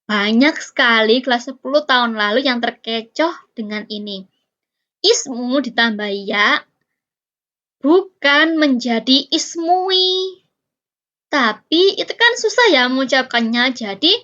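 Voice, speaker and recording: Slow, bright-voiced woman teaching. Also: sits high, muffled recording. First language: Indonesian. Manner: explains slowly, stretches example words, rising quiz-like questions. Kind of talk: casual teaching lesson.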